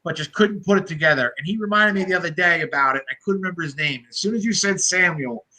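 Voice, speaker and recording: Bright-voiced swearing hockey podcast man. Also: fairly high pitch, quick pace, poor audio. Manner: swears freely, rambling restarts. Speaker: podcast co-host. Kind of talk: casual hockey chat.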